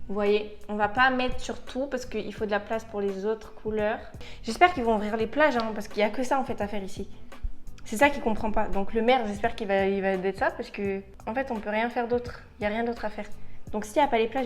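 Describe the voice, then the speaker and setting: A young woman chatting casually through a makeup tutorial, slipping into English phrases and bursting into playful outbursts. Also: on the high side. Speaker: beauty vlogger.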